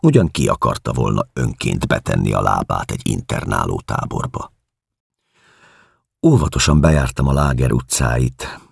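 A man reading a novel aloud in measured, somber audiobook narration. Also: extremely low pitch, expressive, vocal fry, slightly rough, dry recording, clean studio sound. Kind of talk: scripted literary narration.

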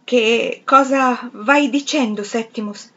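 A woman's voice: on the high side, slow, fairly bright tone, dull audio, voice pushed up. A woman reading the lines of a frightened young wife in an anxious, pleading manner.

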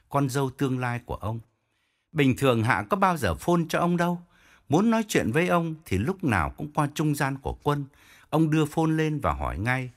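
A man narrating an audiobook story in an expressive way. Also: mid-range voice. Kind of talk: scripted narration.

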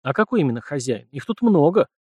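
A man's voice: fairly high pitch, very animated, fast talker, warm tone, breathy edge, dry recording. A man doing a timid young slave woman. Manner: timid, pleading. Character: frightened young female slave, sorceress.

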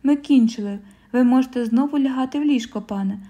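A woman's voice: high-pitched, quick pace, mellow. A woman voicing a mocking, hot-tempered young husband who speaks in a sneering, scornful way.

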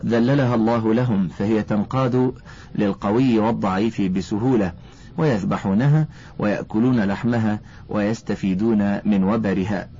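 A man reads aloud as an audiobook narrator, at a steady, measured pace with formal classical delivery. His voice sits on the lower side and sounds mellow and dark. The recording is dull and lo-fi. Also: slightly rough. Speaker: audiobook reader.

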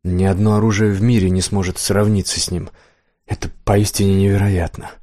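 A man's voice: low voice, little pitch movement, brisk, mellow, no echo, clean studio sound. A man voicing a timid village blacksmith who talks hesitantly and stammers when frightened, in an audiobook. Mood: nervous, polite. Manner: hesitant, stammering, anxious to please. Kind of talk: audiobook character reading.

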